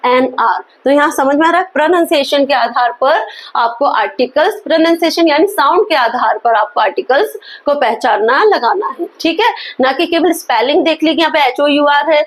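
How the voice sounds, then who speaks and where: A woman teaching an English grammar lesson in Hindi, asking questions and answering them herself and reading example sentences slowly. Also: high-pitched, animated. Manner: slow, spelled-out example sentences.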